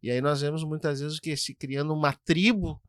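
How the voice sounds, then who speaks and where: A man co-hosting a pastoral podcast, explaining points in a measured way with frequent tag questions. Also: fairly high pitch, steady tone, fairly bright tone, no echo, studio quality. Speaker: podcast co-host. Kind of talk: casual pastoral podcast talk.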